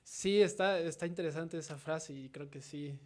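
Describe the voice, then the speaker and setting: A young Mexican man in his twenties speaks as the guest artist in a relaxed interview. His voice sits a little high for a man. He reflects out loud and keeps checking in with a quick questioning "no?". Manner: reflective, tags nearly every thought with a questioning "no?". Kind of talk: casual conversational interview.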